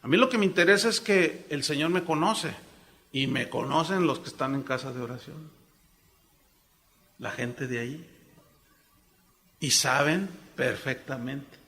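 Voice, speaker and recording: Middle-aged pastor guy from mexico, bright sharp voice, acts out the people in his stories. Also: on the high side, unhurried, pauses often. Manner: animated storytelling, acts out quoted voices. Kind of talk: sermon. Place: church congress hall.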